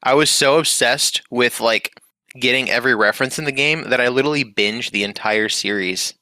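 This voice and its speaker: A man's voice: medium pitch, fairly quick, sharp tone, no room sound. A man co-hosting a gaming podcast in casual chat, laughing easily and swearing casually. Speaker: podcast co-host.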